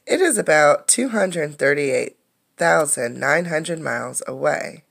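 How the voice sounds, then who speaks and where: Reading a children's science book aloud, a woman with a low, noticeably creaky voice sounds like a teacher, explaining things and stopping to comment or ask questions. Her intonation is lively, and her tone is fairly bright.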